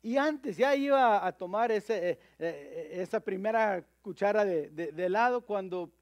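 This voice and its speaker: High-voiced man preaching a sermon. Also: expressive, no echo. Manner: halting, with frequent repeated words and fillers.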